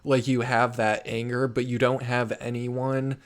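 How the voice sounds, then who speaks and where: Young man, podcast host, casual chat, animated storyteller, swears a lot. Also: medium pitch, a little slow. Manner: animated storyteller, swears a lot, acts out quoted voices loudly.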